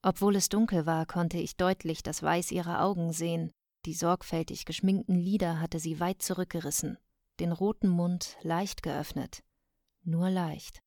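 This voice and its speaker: A woman narrating a first-person story in a calm, measured audiobook reading. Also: on the low side, no echo, studio quality.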